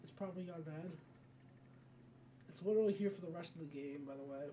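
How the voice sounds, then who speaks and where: Recorded from a distant mic with background noise, this video game let's player rambles casually and keeps fixing their own sentences midway. Their mid-range voice is mellow and moves fairly quickly.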